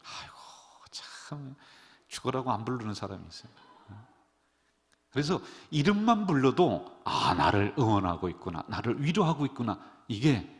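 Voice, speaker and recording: A middle-aged man preaching as a pastor, animated, leading his congregation in call-and-response. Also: mid-range voice, moderate pace. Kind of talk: sermon. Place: church sanctuary. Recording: long church-hall reverb.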